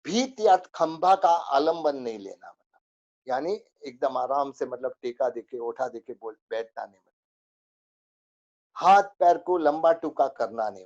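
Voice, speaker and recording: A man's voice: medium pitch, a little mellow, muffled recording. A man teaching a spoken religious lesson, going through a list of rules with many fillers.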